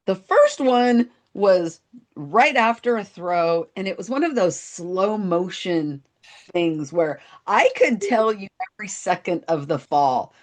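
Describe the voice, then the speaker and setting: A woman's voice: mid-range voice, lively intonation, slow. A middle-aged woman co-hosting a podcast, telling a story in casual chat and laughing at herself. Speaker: podcast co-host.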